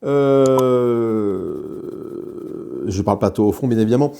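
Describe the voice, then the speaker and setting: A man talks through a solo board game session in a relaxed, chatty way, often trailing off into hesitations and joking at his own expense. His voice is mellow and dark, sitting at an ordinary middle pitch. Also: slow pace, creaky, clean tone. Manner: chatty and self-mocking, with many hesitations. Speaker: board game video host. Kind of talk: casual solo playthrough commentary.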